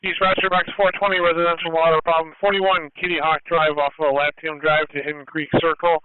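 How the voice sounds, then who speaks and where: High, quick man on police radio dispatch. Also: flat delivery, a little hiss or hum. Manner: brisk, procedural. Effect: radio transmission. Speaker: fire dispatcher. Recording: phone-like scanner radio.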